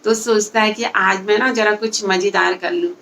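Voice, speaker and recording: A woman's voice: mid-range voice, fairly even intonation, normal speed, vocal fry, a bit bright, a little hiss or hum. A woman telling a moral story to children in a chatty way, talking to the kids directly.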